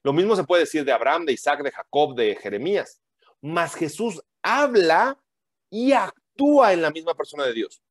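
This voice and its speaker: A man's voice: fairly high pitch, sing-song, moderate pace, no echo, studio quality. A man giving a teaching sermon to a group, emphatic and full of rhetorical questions and tag questions.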